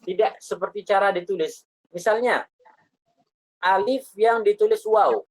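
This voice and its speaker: Female recitation teacher, patient explainer, slow repeated examples. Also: mid-range voice, darkish tone, rough recording. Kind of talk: explanatory religious lesson.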